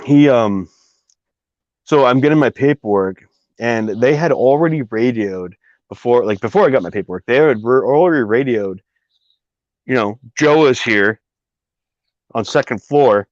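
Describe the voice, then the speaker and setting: A man's voice: mid-range voice, expressive, moderate pace, long pauses, darkish tone, dry recording. A man casually telling a long personal story, rambling with many fillers and asides. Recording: dry, slightly dull recording.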